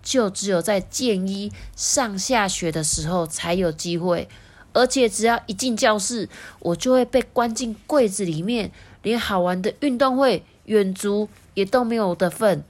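A woman voicing a polite, formal, proud talking leather schoolbag in a storybook, speaking slowly and courteously. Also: mid-range voice, pitched above the performer's own voice, natural voice. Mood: pleading. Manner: slow, very courteous.

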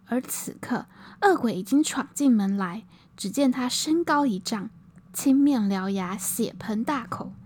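A woman storyteller narrating a folk tale in a lively, animated way. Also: on the high side, slight background noise.

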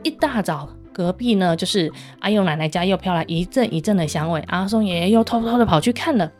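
A woman's voice: on the low side, a little fast, darkish tone, soft background music. A woman narrating a children's story in a chatty way, asking the young listeners questions.

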